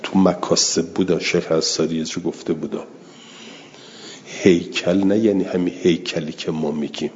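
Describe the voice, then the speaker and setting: A man's voice: low-pitched, darkish tone. A man teaching a religious lesson, explaining an Arabic text word by word in a conversational way and repeating terms as he defines them. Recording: dull lo-fi recording with long reverb.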